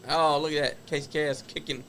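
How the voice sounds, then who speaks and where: Gravelly chatty male wrestling host. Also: on the high side, little pitch movement, a little fast, a bit bright, slight background noise. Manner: chatty, opinionated, laughs at stories. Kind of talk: casual wrestling commentary.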